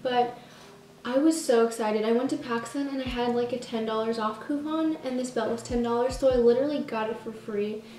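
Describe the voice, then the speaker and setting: A woman's voice: on the high side, fairly even intonation, brisk, a little mellow, far from the mic, slight background noise. A teenage girl chatting through a clothing try-on haul, bubbly and chatty with self-mocking asides. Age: teens. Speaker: vlogger. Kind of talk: casual try-on haul chat. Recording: roomy sound from off the mic.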